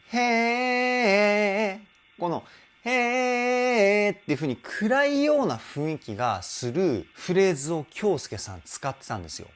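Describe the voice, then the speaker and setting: A man working as a vocal trainer, giving enthusiastic, explanatory commentary as he analyzes a song. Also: fairly high pitch.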